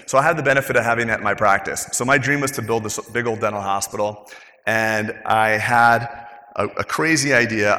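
A man's voice: on the low side, pushed and bright, in a large hall. A middle-aged male dentist telling his own story candidly to a group of peers, swearing casually as he goes. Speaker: dentist, practice owner. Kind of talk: personal story told to a group.

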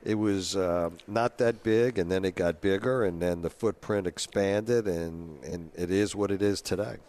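A man's voice: low voice, normal speed, darkish tone. A man hosting a live radio interview, chatty and laughing easily with rambling asides. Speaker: radio host.

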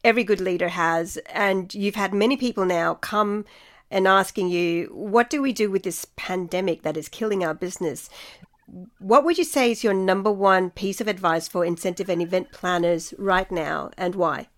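A woman's voice: medium pitch, moderate pace. A woman speaking as a podcast host, presenting her show and putting questions to a guest. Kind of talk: podcast introduction and interviewing.

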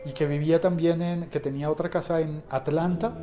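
Brief: male podcast host, slightly raised pitch, loose rambling delivery, faint music underneath. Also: fairly even intonation, brisk. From not from Mexico. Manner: rambling, frequent restarts and hesitations, playful storytelling. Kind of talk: casual podcast chat.

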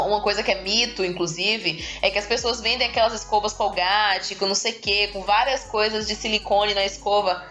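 A woman's voice: a little high, fairly bright tone. Brazilian woman explaining casually over music. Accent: Brazilian Portuguese. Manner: informal, explanatory. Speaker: guest dentistry expert. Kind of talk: casual podcast chat, explaining.

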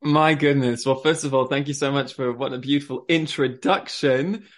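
A man's voice: mid-range voice, normal speed. A man who grew up in France, a guest on a podcast, talking openly and casually with lots of fillers. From born in Switzerland, grew up in France. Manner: open and chatty, frequent ums and fillers. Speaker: podcast guest, limiting belief coach. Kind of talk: casual conversational storytelling.

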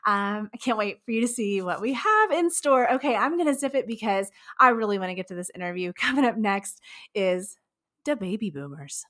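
A woman's voice: medium pitch, animated, fairly quick, fairly bright tone. A woman hosting a podcast interview, enthusiastic and gushing about her guests. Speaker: podcast host.

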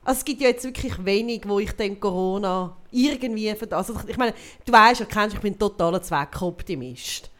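A woman's voice: medium pitch, brisk, few pauses, a bit bright. A woman with a Swiss German accent co-hosting a podcast in an easygoing, chatty way. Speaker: podcast co-host. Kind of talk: casual chat.

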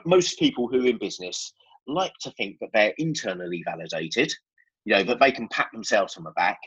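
Man, Essex accent, husky voice, candid interview talk, explanatory, slightly muffled sound. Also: medium pitch, a bit bright. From Essex, England. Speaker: podcast guest, business owner. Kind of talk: conversational interview answers.

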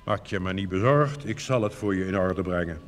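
A man voicing a wise, sly old male frog in a low, measured way. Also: natural voice. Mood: soothing. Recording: reverberant recording with faint hiss.

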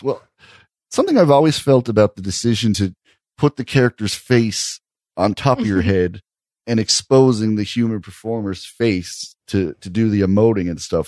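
Wry, low-voiced man podcaster. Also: darkish tone, no echo, clean studio sound. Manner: thoughtful, wry, with "uh" pauses. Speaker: podcast co-host reviewing sketch comedy. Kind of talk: casual chat.

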